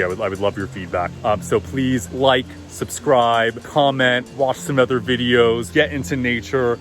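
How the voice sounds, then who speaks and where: The deep, low voice belongs to a vlogger and meditation coach giving relaxed, encouraging advice for meditation in a casual vlog, recorded outside beside a waterfall whose loud rush dominates the background.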